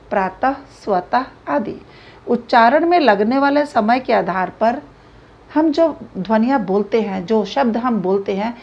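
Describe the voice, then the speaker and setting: A woman teacher giving a grammar lesson, explaining slowly and repeating examples aloud. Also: fairly high pitch, vocal fry, darkish tone. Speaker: Hindi teacher. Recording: dull lo-fi recording.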